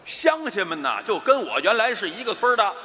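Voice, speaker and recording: A man plays a bossy know-it-all teacher in a crosstalk routine. His voice sits high, bright and animated, with a long hall reverb behind it. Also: fairly quick. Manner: bossy mock teacher, drilling his partner in English words. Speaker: crosstalk lead performer. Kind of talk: stage crosstalk comedy. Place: theater stage with a live audience. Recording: reverberant hall, faint noise.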